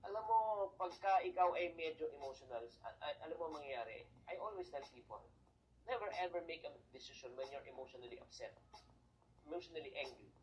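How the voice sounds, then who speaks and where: A motivational speaker with a Filipino accent moves between Tagalog and English, posing rhetorical questions and then answering them herself or himself, checking in with the listener in a chatty way. The mid-range voice is brisk with lively intonation. Audio quality is poor, with a little hiss or hum.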